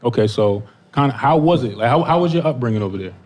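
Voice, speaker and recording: A man hosting a casual podcast, asking questions in a relaxed way with plenty of encouraging "mm-hmm"s. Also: medium pitch, fast talker. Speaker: podcast host. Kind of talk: casual interview chat.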